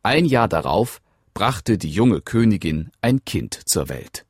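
A deep male voice reads a fairy tale slowly and expressively, rising and falling with wide melody. The recording is close and dry, with no room sound. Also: breathy edge, no echo. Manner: slow, expressive storytelling. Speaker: audiobook narrator. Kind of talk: scripted fairy-tale narration.

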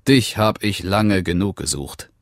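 A grim fairy-tale huntsman, as a man reading aloud plays him, muttering low under his breath. The voice sits deep and slow, in a dry close recording. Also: no room sound. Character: gruff adult male huntsman, grim and steady. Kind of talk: storybook reading.

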